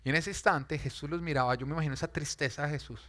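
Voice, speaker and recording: A man's voice: on the high side, very fast, fairly bright tone. A male pastor delivering an emphatic, dramatic sermon, acting out scenes as he preaches. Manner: emphatic, dramatic, rises and falls in intensity.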